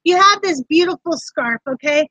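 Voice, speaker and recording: A woman's voice: sits high, lively intonation, moderate pace, bright, forceful tone, dry recording. A woman hosting a casual livestream tutorial, chatting straight to her viewers as she explains things. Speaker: reseller vlog host. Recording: dull lo-fi dry sound.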